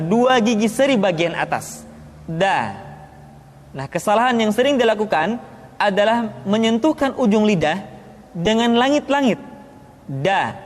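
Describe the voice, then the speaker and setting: A man teaching Quranic letter pronunciation, speaking slowly and deliberately, drawing out each demonstrated syllable. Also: sits high. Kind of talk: pronunciation lesson. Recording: long reverb, echoey room.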